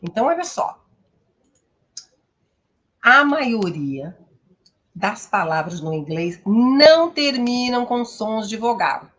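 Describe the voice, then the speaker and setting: A woman from Brazil teaching English pronunciation in an online lesson, slow and explanatory, often adding a questioning "né?". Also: a little high, very animated, a bit bright.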